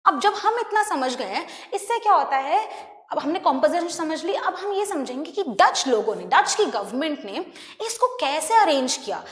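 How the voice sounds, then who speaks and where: A woman teacher with an Indian accent giving an online class lecture. She mixes Hindi and English, checks in often with her students, and slows down to dictate key terms. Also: sits high, sing-song. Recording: roomy echo with long reverb.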